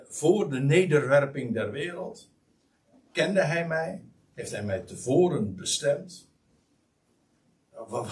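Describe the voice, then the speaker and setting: A man's voice: fairly high pitch, a bit bright, distant mic. A man preaching a sermon, explaining a Bible passage with many restarts and fillers, then rising sharply on the words he stresses. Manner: emphatic, rises sharply on key words.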